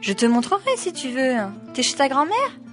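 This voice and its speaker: A woman's voice: sits high, big pitch swings, soft background music, pitched above the performer's own voice. Woman doing a cheeky ten-year-old boy. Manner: quick, chatty questions.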